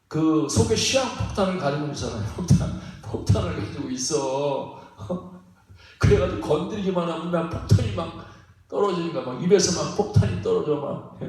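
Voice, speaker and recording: A man's voice: sits high, a little mellow. Pastor guy preaching, folksy and repetitive, chuckles a lot, keeps asking the crowd, heard from far off. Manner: folksy, repetitive, often prods the congregation with "예?"; chuckles between phrases. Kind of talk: sermon. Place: church sanctuary. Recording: very echoey hall, mic at a distance.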